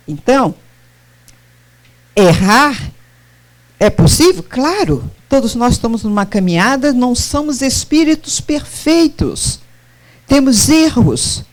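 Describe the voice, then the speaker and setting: Animated woman lecturing. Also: a little high. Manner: animated, questions the audience directly. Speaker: spiritist lecturer. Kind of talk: lecture to a live audience.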